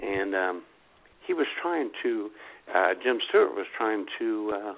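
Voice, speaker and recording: Co-hosting a comedy podcast, this man trades casual jokes in an animated, playful voice that sits on the low side with vocal fry. He takes his time, and the recording sounds tinny, like a phone.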